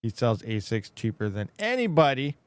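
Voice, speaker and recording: A man hosting a casual, rambling live stream, speaking with slightly slurred, toothless diction and soft S sounds from a swollen mouth after having teeth pulled. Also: medium pitch, very animated, normal speed, clean tone, no echo. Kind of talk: casual rambling livestream chat.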